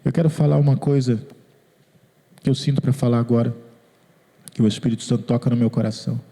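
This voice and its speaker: A man's voice: mid-range voice, steady tone, fast talker, mellow. A man, preaching a sermon as pastor, earnest and repeating his phrases, quoting people in their own words. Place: church hall. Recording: long hall reverb.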